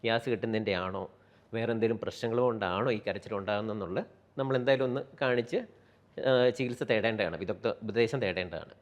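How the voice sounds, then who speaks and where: A man who is a pediatrician with a Kerala Malayalam accent, calmly explaining child health and dropping in English medical terms. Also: on the low side, fairly quick, highs cut off. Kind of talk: explaining to an interviewer.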